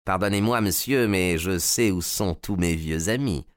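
A man voicing a shabby, sinister old male sailor in an audiobook, speaking lower and slower in an insinuating way. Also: dry recording, studio quality, close to an everyday voice. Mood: sly, insinuating.

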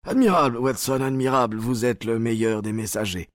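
An actor playing an ailing, cunning detective in a radio play, whose voice is weak. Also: male voice, medium pitch, fairly quick, no echo, clean studio sound, lightly acted. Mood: urgent. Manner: weak voice, commanding when roused.

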